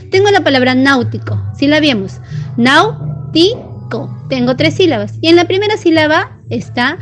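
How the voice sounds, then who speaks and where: A woman teacher giving an online grammar lesson, patient and slowing down to sound out syllables. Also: high voice. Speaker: primary school teacher.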